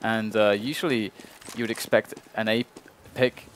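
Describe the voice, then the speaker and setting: A man's voice: fairly low pitch, fairly even intonation, normal speed, slight background noise. A man working as an esports caster, giving analytical, explanatory live commentary on a shooter match.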